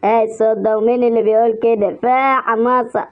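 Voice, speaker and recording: A woman voicing a jumpy, easily scared young man in an Egyptian cartoon, speaking in an Egyptian Arabic accent with shrill, panicky pleading. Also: little pitch movement, rapid-fire, close to an everyday voice. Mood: panicked. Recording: dull, dry lo-fi sound.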